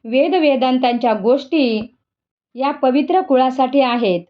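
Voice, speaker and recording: A proud old Brahmin scholar scolds indignantly, his voice set a little lower than the reader's own, as a woman reads him. The storybook reading is captured on a dull, lo-fi recording. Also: unhurried. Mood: angry. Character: angry proud elderly male Brahmin scholar.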